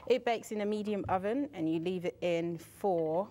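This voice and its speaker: A woman's voice: mid-range voice, moderate pace, warm tone. A woman from England explaining a recipe step by step in casual talk, with frequent "um"s. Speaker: cooking guest. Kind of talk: casual cooking demonstration.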